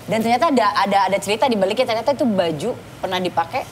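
A young woman co-hosts a TV talk show, asking a guest friendly questions. She speaks at an everyday pitch in a studio setting. A faint hiss sits beneath her voice. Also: lively intonation, very fast. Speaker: co-host. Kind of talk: casual talk show chat. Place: TV studio set.

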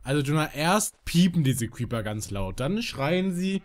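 A man chatting casually on a gaming voice call, giggling often. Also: on the high side. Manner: giggly, laughs often, drawn-out lively speech. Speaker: Minecraft let's player. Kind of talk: casual multiplayer gaming chat. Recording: noisy gaming voice chat. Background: clear noise and clicks.

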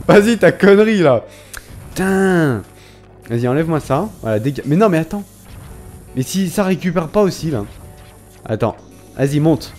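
Excitable man with a lively, high voice. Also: normal speed, long pauses, faint music behind. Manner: excitable, slangy, exclaims and swears at the game, reads on-screen text aloud. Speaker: gaming video creator. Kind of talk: casual let's-play commentary.

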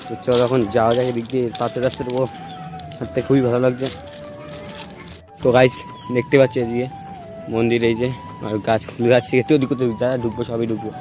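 Strolling through a temple garden outdoors with a handheld phone, a young male vlogger chats casually and fast in a flat voice. He leans on repeated filler phrases and sometimes drops almost to a hush, with music playing behind him.

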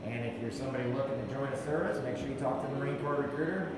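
A vlogger runs a live feed at a county fair, giving chatty, promotional walkaround commentary through a large barn and outside. He speaks rapid-fire in a mid-range voice, and the echoey recording is full of loud crowd noise.

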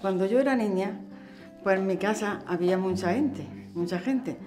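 A woman's voice: mid-range voice, moderate pace. A woman in her seventies talks about her family, repeating phrases as she gathers her thoughts. Faint guitar music sits under her voice. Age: 70s. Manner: repetitive, searching for words. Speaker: interviewee, homemaker. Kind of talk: reminiscing interview. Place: living room at home.

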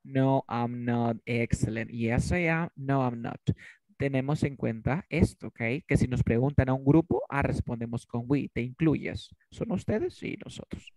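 A man's voice: medium pitch, lively intonation, measured pace, a little mellow, no echo. A man teaching an online English class in Spanish, drilling students with repeated questions. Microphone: video call.

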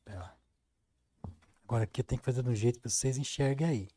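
Brazilian male painting teacher, talkative storyteller, mellow tone. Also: medium pitch, fast talker, slightly rough. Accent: Brazilian Portuguese. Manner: chatty, storytelling, reads viewer comments. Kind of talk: live-stream painting lesson.

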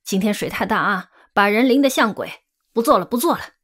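A tough, brash woman porter from a busy street market, swearing at the weather and boasting of her own hard work, as a woman puts her on in an audiobook. Her voice jumps about in a lively way, with an earthy edge. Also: medium pitch, brisk. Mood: grumbling.

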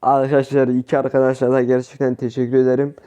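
A Turkish gaming YouTuber delivers quick, slangy, excitable play-by-play commentary, alternately begging and cursing at his teammates. His voice sits in the mid-range with a clean tone.

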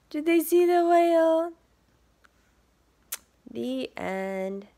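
Reading to young kids like a teacher, this woman brings a picture book to life expressively, asking them questions and dropping into breathy, hushed asides. Her voice sits very high, and her delivery is expressive and extremely slow.

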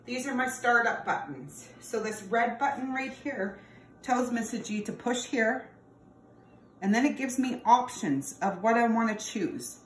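A woman in her thirties, with a voice on the high side, runs a cooking demonstration for children from her home kitchen, walking through each step as she works and addressing viewers as friends. The sound comes from a camera across the counter with no visible mic, so it's roomy and distant, with background noise.

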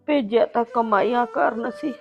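A woman's voice: a little high, normal speed, lo-fi sound, faint music behind, close to an everyday voice. An actress playing a grieving mother who weeps and consoles her family in a short drama. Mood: tearful. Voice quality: tearful, wailing lament. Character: grieving middle-aged mother, tender and weary. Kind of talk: emotional village drama acting.

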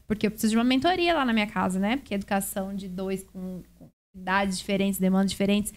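A woman's voice: medium pitch, quick pace, darkish tone. A woman with a Brazilian accent, co-hosting a podcast and speaking frankly about her marriage in a chatty way. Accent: Brazilian Portuguese. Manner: chatty, frank, with many fillers. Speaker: podcast co-host. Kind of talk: casual podcast conversation.

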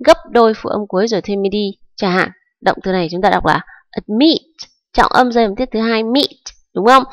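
A woman's voice: mid-range voice, dry recording. Woman teacher going through grammar rules step by step, patient, keeps checking you follow, dry close sound. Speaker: English teacher. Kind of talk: grammar lesson explanation.

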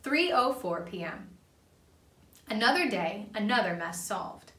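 A bright, animated young woman reads a children's storybook aloud with expressive narration, her medium-pitched voice moving at a measured pace. She's in a small indoor playroom, picked up by a camera a few feet away, so the sound is roomy and slightly distant.

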